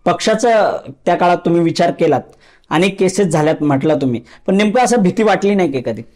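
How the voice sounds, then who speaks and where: High-voiced male news interviewer. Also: lively intonation, brisk, darkish tone. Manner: probing, leading questions.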